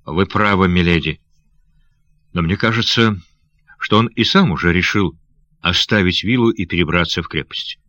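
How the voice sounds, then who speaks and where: A gallant male adventurer from an audiobook tale, voiced by a man in a lowish register, courteous and steady as he reassures. The recording sounds muffled and lo-fi, with dry, close audio. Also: normal speed, long pauses, dry recording. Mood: earnest.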